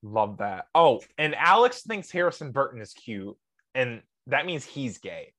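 A man's voice: mid-range voice, sing-song, measured pace, fairly bright tone. A young man co-hosting a casual podcast, rambling and gushing with frequent laughs. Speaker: podcast co-host.

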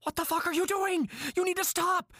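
A man voicing a desperate, volatile captor who pleads softly and then screams in rage, in an audio drama. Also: medium pitch, fairly quick, dry recording, studio quality, lightly acted. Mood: furious. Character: desperate man holding a woman captive, volatile.

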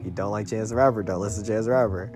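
A man's voice: on the low side, very fast. A young man chatting casually as a solo podcast host, in loose, slangy bro talk. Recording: music playing behind the voice.

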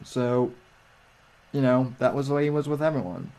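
A man telling stories in casual livestream chat, rambling and halting with many restarts. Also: medium pitch, lively intonation, a little mellow.

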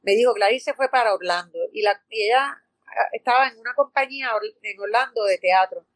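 The audio is poor and dry as a Puerto Rican actress, her voice on the high side and a little fast, tells animated stories with many fillers and restarts. She has a Puerto Rican Spanish accent and is a guest in a conversational interview.

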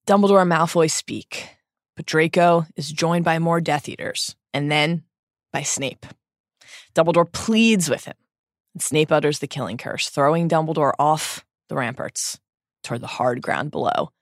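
An American woman with a lowish voice hosts a podcast in a dry, close sound. She moves between scripted recap and playful banter, with emphatic, dramatic phrasing. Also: normal speed, no room sound. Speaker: podcast host and editor.

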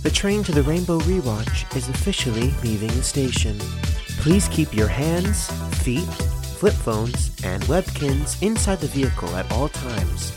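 Woman doing a deep campy conductor, booming and mock-official; loud music under it. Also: big pitch swings, a little slow, heavily acted. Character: deep-voiced campy train conductor announcer.

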